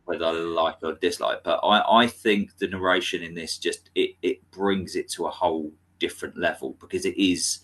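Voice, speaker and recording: A man co-hosting a casual film podcast, agreeable and halting, breaking his sentences off and restarting them. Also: sits low, fairly even intonation, a bit bright. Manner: agreeable, lots of backchannel, halting phrasing. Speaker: podcast co-host.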